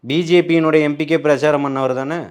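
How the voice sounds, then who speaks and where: A man's voice: a little high, fairly even intonation, quick pace, darkish tone, clean tone. A man, speaking as a party spokesman in a heated political interview, combative and full of rhetorical questions.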